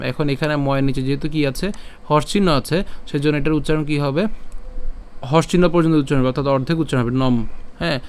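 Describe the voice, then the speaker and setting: Clear-voiced man teaching careful verse pronunciation. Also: on the high side. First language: Bengali. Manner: breaks words into syllables, slow and repeated; asks questions then answers them himself. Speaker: scripture recitation teacher. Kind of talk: Sanskrit verse pronunciation lesson.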